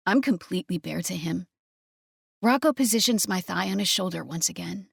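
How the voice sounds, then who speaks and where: A woman narrating a first-person romance audiobook in a breathy, intimate manner. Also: fairly low pitch, no echo, studio quality.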